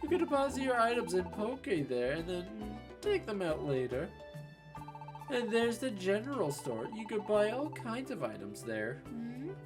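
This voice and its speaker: A friendly, slow-witted creature from a video game, voiced by a woman reading along. It stretches words and pauses to hum as it explains things. The pitch moves freely, and game music plays behind. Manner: drawn-out words with frequent humming pauses. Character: friendly, slow-witted Quagsire town guide, hesitant creature. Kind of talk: dubbing game dialogue aloud.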